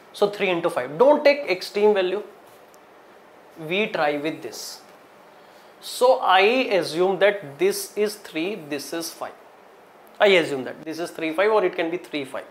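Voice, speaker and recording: A male teacher with a North Indian accent and a distinctly high voice works through exam problems. He speaks in short instructional chunks, repeating key items and stressing them as he goes. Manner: instructional, short broken phrases with repetition and emphasis. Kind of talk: classroom lesson, solving problems step by step. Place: indoor teaching studio in front of a digital board.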